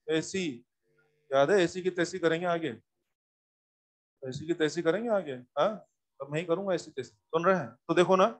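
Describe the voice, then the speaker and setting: A man teaching physics in a lively classroom lecture, coaxing students with repeated questions and reminders. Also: high voice.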